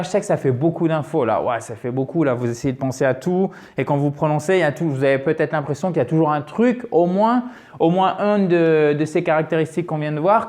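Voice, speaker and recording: A French man teaching English pronunciation in a lively, emphatic video lesson, repeating sounds to demonstrate them. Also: on the high side.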